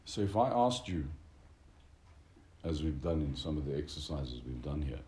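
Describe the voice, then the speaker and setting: A man with an extremely deep, mellow voice delivers a reflective, unscripted lecture. His phrasing is donnish and formal, with searching academic hesitations. The room is echoey. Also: big pitch swings, moderate pace. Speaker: religious teacher lecturing a group. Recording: roomy echo with background noise.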